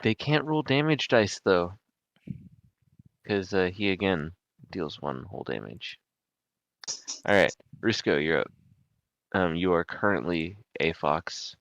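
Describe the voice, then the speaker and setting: A man with a very deep voice runs a tabletop game over an online call, hesitating with frequent ums. He narrates the fights with joking sports-commentator flair, and the sound is close and dry. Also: lively intonation, takes it slowly, gravelly, pauses often, fairly bright tone, no room sound, muffled recording. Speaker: game master.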